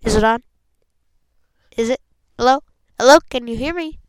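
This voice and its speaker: Casting: playful woman, slightly high, smooth clear tone, unhurried, jokey pretend announcer. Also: dry recording. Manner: silly, singsong, mock announcer. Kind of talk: playful mic testing and pretend radio announcing.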